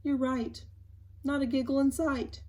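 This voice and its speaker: Woman voicing a kindly matter-of-fact little doctor, higher, unhurried. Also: level tone, a little mellow.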